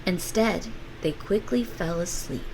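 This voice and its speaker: A woman reading a children's storybook aloud with expressive, animated delivery. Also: lowish voice, unhurried, noisy background.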